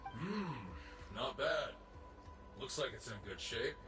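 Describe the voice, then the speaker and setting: A man voicing a gruff, smug enemy underling soldier in a video game. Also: medium pitch, lively intonation, slow, echoey room, over music. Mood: smug, suspicious.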